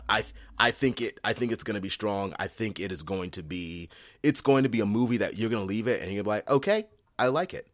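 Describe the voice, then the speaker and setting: A man hosting a casual podcast chat, excitable and quick to laugh, with lots of ums. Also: fairly low pitch, dry recording. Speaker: podcast host.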